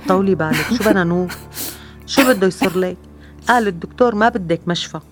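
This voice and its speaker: A woman playing a calm, firm caregiver reassuring a sick relative. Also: mid-range voice, fast talker, faint music behind, lightly acted. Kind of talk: domestic drama acting.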